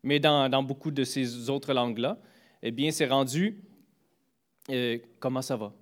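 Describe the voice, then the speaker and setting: A man's voice: medium pitch, measured pace. A man casually telling anecdotes about greetings and politeness, full of fillers and restarts, lifting his voice for quoted phrases. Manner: hesitant, many fillers and restarts; animated, voice jumps for quoted phrases. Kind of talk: casual storytelling chat.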